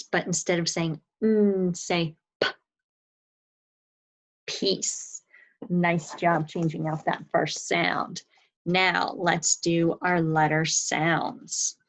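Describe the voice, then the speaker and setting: A woman teaching a home-learning phonics lesson, drilling sounds slowly and clearly. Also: on the low side.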